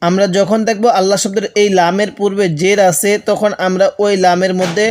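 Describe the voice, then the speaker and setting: High-voiced man teaching Quran reading. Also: flat delivery, darkish tone. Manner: spells words letter by letter, then chants them slowly; addresses viewers directly as a patient instructor. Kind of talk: spelled-out Quran reading lesson.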